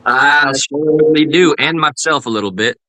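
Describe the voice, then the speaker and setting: A man with a bright, ringing voice keeps up improvised joking banter on a live stream. He slides into mock-serious speeches and fake outrage for laughs. The sound is close and dry. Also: on the high side, normal speed, no room sound. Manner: goofy mock-serious riffing, playful put-on outrage.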